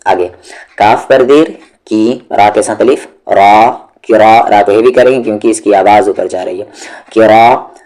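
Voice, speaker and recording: A man with a lowish, darkish voice gives a slow, step-by-step tajweed lesson. Teaching Quran recitation, he works through the syllables one by one, patiently drawing each out.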